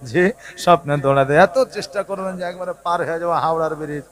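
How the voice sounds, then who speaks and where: A male preacher with a West Bengal accent tells a comic story at a religious gathering. His voice sits fairly high for a man. He drops to hushed asides, then jumps to loud shouted bursts. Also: fast talker. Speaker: Islamic preacher. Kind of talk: storytelling sermon. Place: large outdoor religious gathering.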